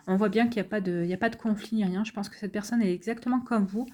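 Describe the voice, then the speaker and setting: A woman's voice: medium pitch, fairly even intonation, racing, darkish tone. A woman giving a casual, chatty card reading to her viewers, full of fillers and restarts and a reassuring tone. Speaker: tarot card reader.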